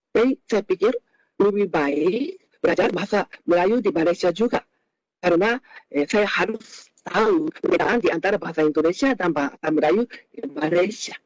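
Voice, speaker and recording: A man with a high voice and a Japanese accent speaks Indonesian as a foreigner. He lectures off the cuff with personal anecdotes, pausing often on hesitation sounds. The sound is close and dry, with little room echo. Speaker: professor giving a talk.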